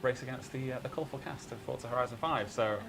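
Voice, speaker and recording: A man presenting a live game-update broadcast, relaxed and explaining with fillers. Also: mid-range voice, drawn-out words, vocal fry, slight background noise.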